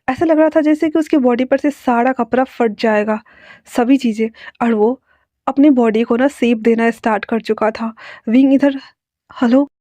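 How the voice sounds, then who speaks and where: A woman's voice: on the high side, warm tone, no echo. A woman casually narrating a fan fiction story, chatty with asides and restarts. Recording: dull lo-fi dry recording.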